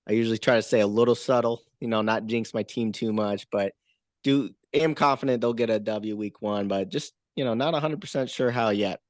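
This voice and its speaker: A man co-hosting a casual sports talk, speaking in a hesitant, halting way full of fillers. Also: fairly low pitch, no room sound. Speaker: podcast co-host.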